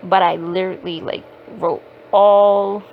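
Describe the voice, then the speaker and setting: A woman's voice: medium pitch, little pitch movement, measured pace, phone-quality sound, a little hiss or hum. Rambling woman recording on her phone. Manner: rambling, heavy "like" fillers, frequent swearing. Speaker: podcast host. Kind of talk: casual rambling monologue. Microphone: phone microphone.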